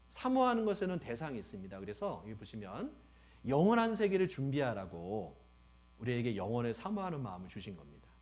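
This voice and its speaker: A man preaching a sermon as pastor, telling stories with lively acted-out quotes and asking the congregation questions. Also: medium pitch. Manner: animated storytelling, acting out quoted old people.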